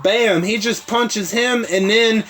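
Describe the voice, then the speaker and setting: A man's voice: high-pitched, slow pace, a bit bright, a little hiss or hum. A man hosting his own show, recapping events in a rambling casual way with many asides. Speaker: host.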